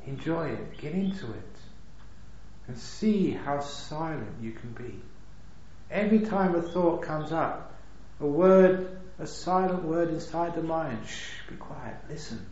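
A man gives a calm, unhurried dharma talk as a meditation teacher at a retreat, with light humor. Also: fairly high pitch. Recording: echoey hall, dull lo-fi sound.

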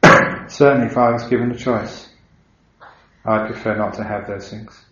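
An Englishman who is a Buddhist monk, giving a dharma talk in an unhurried, reflective storytelling way with gentle humor. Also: lowish voice, fairly even intonation. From England. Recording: dull, roomy recording.

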